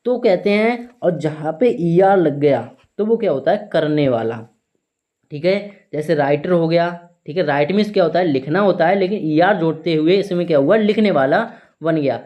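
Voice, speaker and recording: Man, teacher, English vocabulary lesson in Hindi, questions he answers himself, slow letter-by-letter spelling, repeated "theek hai". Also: fairly high pitch, darkish tone. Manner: asks questions then answers them, spells letters out slowly; repeats "ठीक है" often.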